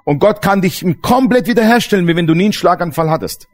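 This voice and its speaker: A man's voice: high voice, animated, quick pace. A man preaching a sermon as pastor, emphatic and asking the congregation questions.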